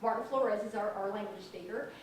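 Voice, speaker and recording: A woman's voice: medium pitch, fairly quick. Woman presenting in an echoey hall. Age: 40s. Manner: chatty, self-deprecating, enthusiastic. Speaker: prevention program presenter. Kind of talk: conference presentation. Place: conference room. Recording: echoey hall from far off, faint noise.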